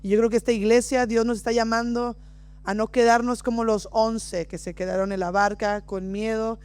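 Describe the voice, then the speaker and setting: A man preaching a sermon, reading scripture expressively with slow, dramatic phrasing and playful asides. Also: sits high, little pitch movement, a little mellow, clear, resonant tone. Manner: playful asides and small laughs.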